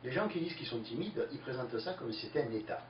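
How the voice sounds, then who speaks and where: Fast-talking man in an echoey room. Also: medium pitch. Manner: lively, emphatic, many fillers. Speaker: speaker answering listener questions. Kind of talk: explanatory talk. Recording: distant, echoey, dull lo-fi with faint hiss.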